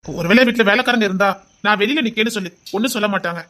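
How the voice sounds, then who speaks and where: A woman voicing a scheming young rich college man in an audio drama, who talks gently and soothingly to win a girl's trust. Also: medium pitch, racing, natural voice. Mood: coaxing. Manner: soft, coaxing, falsely reassuring. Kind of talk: Tamil audio drama acting.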